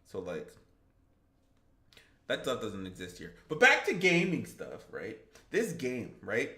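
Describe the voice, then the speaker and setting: A man's voice: medium pitch, huge pitch swings, takes it slowly, pushed and bright. Rambling man on a gaming stream, roomy echo. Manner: rambling, reads viewer comments aloud. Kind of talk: casual live-stream chat.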